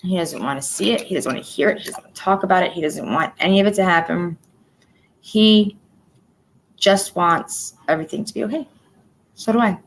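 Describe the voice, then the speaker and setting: A woman with a fairly low voice gives an emotional personal update to her viewers. She talks bluntly and plainly, swears freely and repeats phrases to drive her point home. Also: fairly quick, vocal fry, poor audio. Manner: blunt and profane, venting frustration; plainspoken, repeats herself for emphasis. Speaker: vlogger.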